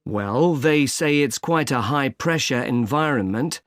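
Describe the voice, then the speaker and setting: A man's voice: mid-range voice, animated, dry recording, clean studio sound, natural voice. A man playing a patient recruitment agent. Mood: calm. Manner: measured, spells words out slowly. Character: helpful male recruitment agent, patient and polite. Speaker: employment agency consultant. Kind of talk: scripted exam dialogue.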